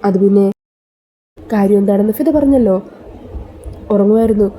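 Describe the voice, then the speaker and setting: A woman voicing a caring sister-in-law who soothes and reassures in a slow, gentle manner. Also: mid-range voice, slight background noise, close to an everyday voice. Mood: consoling.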